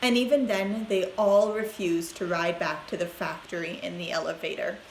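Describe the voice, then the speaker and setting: A woman teacher reading a children's book aloud with clear, expressive storytelling, then giving class instructions. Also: lowish voice, moderate pace. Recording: roomy echo, faint hiss.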